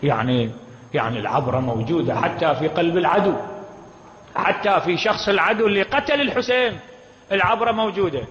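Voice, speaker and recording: An Iraqi-accented man with a high, somewhat bright voice preaches an impassioned mourning sermon, expressive and brisk, firing rhetorical questions at the gathering. The hall recording is dull and reverberant, with a little hiss or hum.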